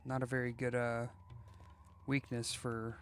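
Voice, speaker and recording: A man's voice: medium pitch, monotone, unhurried, music in the background. A man chatting casually while live-streaming a game, rambling and joking as he thinks aloud, often restarting his sentences.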